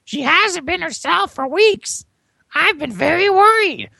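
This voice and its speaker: A woman's voice: extremely high pitch, lively intonation, unhurried, gravelly, bright, forceful tone, no room sound, heavily acted. A woman voicing a worried middle-aged mother who speaks earnestly. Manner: anxious, earnest.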